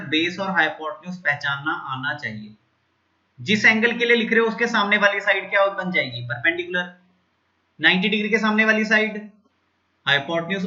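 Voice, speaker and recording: A man's voice: high-pitched, bright, forceful tone, lo-fi sound. A man teaching a maths lesson at a board, going through steps and checking in with students often.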